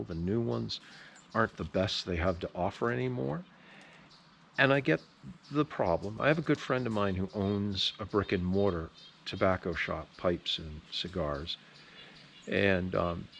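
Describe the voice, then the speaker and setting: A man's voice: sits low, creaky, fairly bright tone, a little hiss or hum. A man chatting casually to camera as a pipe tobacco vlogger, rambling along in an opinionated, folksy way. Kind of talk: casual rambling video chat.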